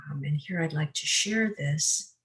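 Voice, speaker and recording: Presenter for a screen-share talk: slow, halting delivery with frequent filler sounds. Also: medium pitch, fairly bright tone. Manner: slow, hesitant, many ums and uhs.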